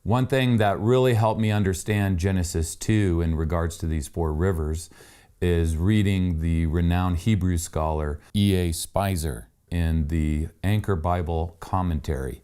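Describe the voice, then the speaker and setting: A middle-aged man from Saudi Arabia hosting a travel documentary, explaining things in an unhurried way with "uh" fillers. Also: low-pitched, dark tone, clear, resonant tone. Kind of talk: documentary narration.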